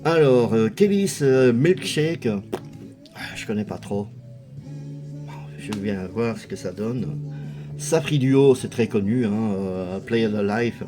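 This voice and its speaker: A man's voice: on the low side, slow pace, pauses often, music in the background. A man casually commenting as a video host, chatty and hesitant, with lots of fillers. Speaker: video host showing a music collection.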